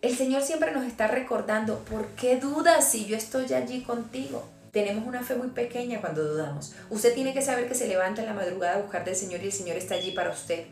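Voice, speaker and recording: A woman's voice: mid-range voice, fast talker, few pauses, darkish tone. A woman preaching a sermon with fervor, taking on the voice of the Lord in quoted passages. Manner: fervent, voicing the Lord's words in quotes. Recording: echoey room with music behind.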